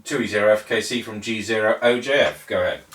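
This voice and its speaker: A man's voice: fairly low pitch, fast talker. A man working a base radio station, making brief procedural calls heard over a two-way radio. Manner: brief, procedural call-and-response. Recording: distant, roomy radio audio with faint noise.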